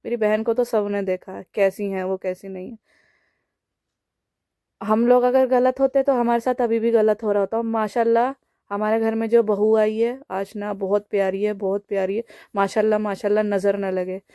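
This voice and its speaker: A young woman with a Bihari Hindi accent speaks straight to camera in an indignant, scolding and pleading way. Her pitch barely moves, and her voice sounds mellow. The recording is dry and close. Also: steady tone, normal speed, clean tone, no room sound. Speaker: vlogger. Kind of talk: direct-to-camera message.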